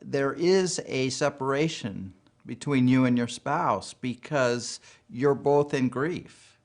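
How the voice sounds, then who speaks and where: Slow-speaking, reserved man. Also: mid-range voice. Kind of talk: documentary interview.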